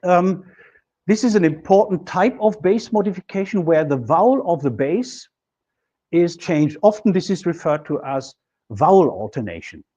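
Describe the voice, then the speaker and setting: A native German-speaking linguistics lecturer from Germany, middle-aged, gives a university class in a room with a projection screen. His mellow voice is a bit high for a man and has lively intonation, while his delivery stays measured and explanatory as he writes on the board. The sound is dull and lo-fi, taken from a camera across the room.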